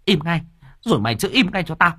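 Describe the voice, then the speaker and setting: A man voicing a cruel, shrill middle-aged stepmother who scolds fast and coaxes with fake sweetness. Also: sing-song, no room sound, clean studio sound. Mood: shrieking angry. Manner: rapid nagging, fake sweetness when coaxing.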